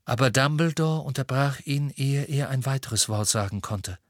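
A man narrating an audiobook with steady, expressive storytelling. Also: mid-range voice, moderate pace, no room sound, clean studio sound. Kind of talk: audiobook reading.

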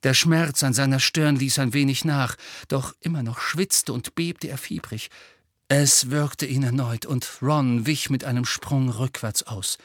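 A man reading an audiobook, with expressive, tension-building narration. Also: mid-range voice, a little slow, no echo, studio quality.

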